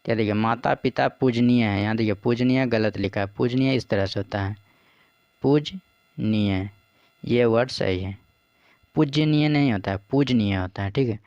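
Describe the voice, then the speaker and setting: A man's voice: lowish voice, steady tone, a little fast, few pauses, darkish tone, smooth, no room sound, highs cut off. A man patiently explaining practice exam questions as a teacher. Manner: patient, repeats "ठीक है" and "देखिए".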